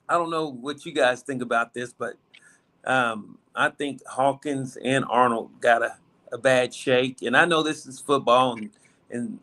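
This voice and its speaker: A man calling in to a sports show, giving his opinion casually and haltingly as he thinks aloud. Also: mid-range voice, bright, forceful tone. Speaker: first-time caller. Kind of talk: casual sports call-in chat.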